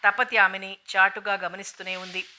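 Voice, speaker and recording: A woman narrating a novel in a steady, even storytelling manner, in an audiobook reading. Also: mid-range voice, moderate pace, slight background noise.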